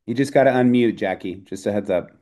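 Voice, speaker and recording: Low-voiced man moderating a call. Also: quick pace, mellow. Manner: brief, friendly prompts. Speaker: host. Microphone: video call.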